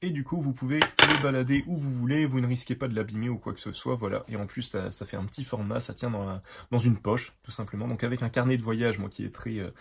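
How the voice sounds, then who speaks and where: Speaking to camera on his video channel, a weary art supplies reviewer rambles fast with hardly any pauses, full of fillers, self-corrections, and digressions. His medium-pitched voice is fairly even and bright, with vocal fry and slight background noise.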